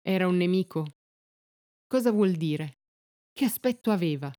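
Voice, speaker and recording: A woman's voice: fairly low pitch, animated, normal speed, warm tone, no room sound, studio quality, lightly acted. A woman voicing a simple, frightened peasant woman who asks bewildered, plaintive questions, in a read-aloud story.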